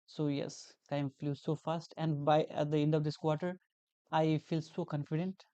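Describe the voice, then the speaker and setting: A man's voice: fairly high pitch, little pitch movement, moderate pace, warm tone, clear, resonant tone, no echo, muffled recording. A young man from Nepal, a guest talking earnestly in a casual interview, repeating phrases with many fillers. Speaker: guest, graduate teaching assistant.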